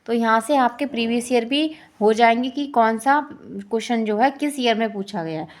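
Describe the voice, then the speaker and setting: Her voice sits a little high and moves at a normal speed. A female teacher with a Hindi-belt Indian accent runs an exam-prep session, repeating every answer back as a question for the class.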